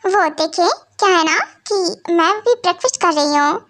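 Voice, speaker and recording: A woman voicing a quick-tempered young bride in a fan-dubbed audio story, with a snappy, irritated way of talking. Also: extremely high pitch, fairly bright tone. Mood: annoyed.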